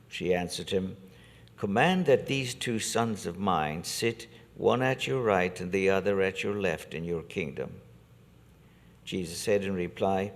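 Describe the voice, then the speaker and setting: A priest reading the gospel and preaching a homily in a measured, deliberate liturgical manner, his voice carried by a cathedral-like church echo. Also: sits low. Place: large church. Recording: long church reverb.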